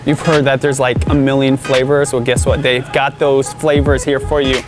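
A man's voice: medium pitch, little pitch movement, moderate pace, over music. A man in his thirties hosting an enthusiastic grocery store tour vlog, talking straight to camera on a lapel mic. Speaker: vlog host. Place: indoor supermarket aisles, some shots outside.

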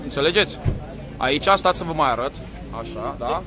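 A man's voice: on the high side, lively intonation, a crowd in the background. A man doing a live outdoor commentary to his viewers, emphatic and questioning them often. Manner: emphatic, addresses viewers directly with repeated questions. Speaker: livestreaming activist vlogger. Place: outdoors by a courthouse.

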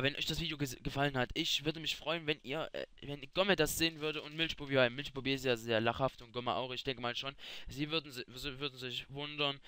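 A man's voice: mid-range voice, pushed and bright, clean tone. A teenage boy with a breaking voice talking casually and loosely as a youtuber. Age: teens. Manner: rambling, loose. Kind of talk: casual chat.

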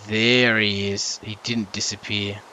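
A man's voice: fairly low pitch, flat delivery, slow pace, sharp tone, slight background noise. A young man hosting casual gameplay commentary. He rambles with lots of fillers and self-corrections, and breaks into jumpy reactions when danger appears. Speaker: channel host.

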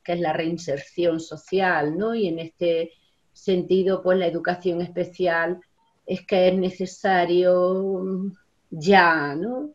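Her voice is lowish, fairly even in intonation and slow: a woman in her sixties, a special education teacher and union member, guesting on a casual video-call interview and rambling with fillers and tag questions. The laptop webcam in her home study with bookshelves gives dull, lo-fi sound.

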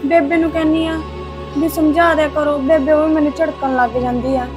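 An actress playing a young married daughter-in-law who quietly complains about her husband yet stays loyal to her home. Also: high voice, level tone, moderate pace, music in the background, natural voice. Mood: subdued. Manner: subdued, complaining softly. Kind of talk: village family drama acting.

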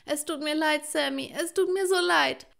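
A woman doing a shrill paranoid cartoon mother. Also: fairly quick, natural voice. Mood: tearful. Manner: shrill and frantic, shouting. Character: paranoid shrieking mother, middle-aged woman. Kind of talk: animated story dub.

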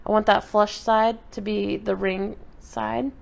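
A woman giving a relaxed, chatty step-by-step craft tutorial while she works with her hands at a table indoors. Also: medium pitch, takes it slowly, gravelly. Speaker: craft instructor.

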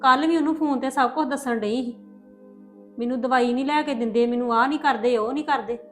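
A stern, suspicious mother-in-law who scolds sharply , played by a woman. Her voice sits fairly high, with faint music beneath. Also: fairly quick, close to an everyday voice. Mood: scolding.

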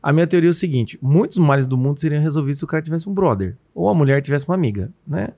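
A Brazilian man hosting a podcast, who tells anecdotes and quotes other people in lively asides. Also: fairly high pitch, very fast, no room sound. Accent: Brazilian Portuguese. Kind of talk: casual podcast conversation.

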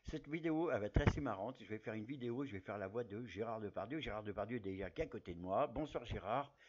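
A man chatting casually to viewers as the host of his own video, in a relaxed, low-key way. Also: quick pace, very noisy. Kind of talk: casual vlog chat. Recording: dull lo-fi recording.

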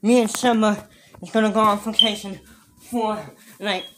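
A woman's voice: mid-range voice, fairly even intonation, moderate pace. A woman hosting an improvised comedy skit, exasperated and swearing a lot, repeating herself. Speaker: host of a homemade comedy skit show. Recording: loud background noise.

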